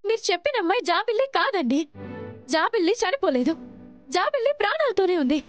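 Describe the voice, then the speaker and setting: A woman's voice: extremely high pitch, very animated, fast talker, soft background music. An actress playing a devoted young woman who insists and pleads earnestly, in a TV serial. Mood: insistent. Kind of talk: TV serial acting.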